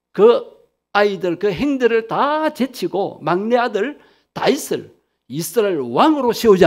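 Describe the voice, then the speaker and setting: A man's voice: sits high, darkish tone, breathy edge. A male pastor preaching a sermon emphatically, leading the congregation in repeating phrases.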